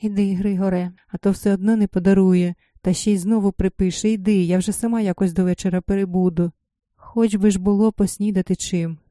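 A woman's voice: mid-range voice, fairly even intonation, brisk, dark tone, no room sound, clean studio sound, natural voice. A woman voicing a weary peasant mother who speaks in a pained, bitter way.

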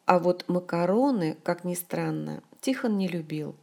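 Woman reading an audiobook, calm steady storytelling, warm mellow voice. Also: fairly low pitch, unhurried, gravelly. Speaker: audiobook narrator. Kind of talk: scripted audiobook narration.

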